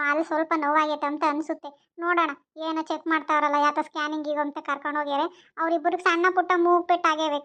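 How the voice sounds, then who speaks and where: A woman's voice: high-pitched, fairly bright tone. Woman as a fretful village auntie. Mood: worried. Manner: fretful, chatty. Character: worried village woman, kindly gossip. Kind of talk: cartoon voice acting.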